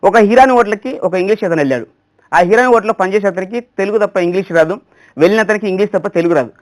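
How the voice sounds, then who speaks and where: A mimicry artist tells comic stories at a fast clip in a raised, high voice. He switches quickly into different voices as he goes.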